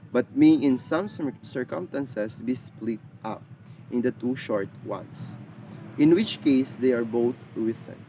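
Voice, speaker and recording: Male presenter, slow deliberate drills, mid pitch, faint crickets and traffic behind. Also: a little mellow. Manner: slow, careful syllable drills with halting non-native phrasing. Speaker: language student presenter. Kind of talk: language lesson.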